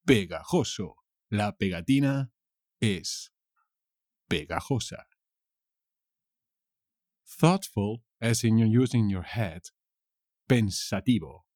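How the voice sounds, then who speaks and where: A man's voice: fairly low pitch, expressive, a little mellow, no echo, clean studio sound. A young man teaching vocabulary in a playful, joking way, stretching out key words. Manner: playful, jokey, slow and drawn-out on key words. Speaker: Spanish teacher. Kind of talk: bilingual vocabulary lesson.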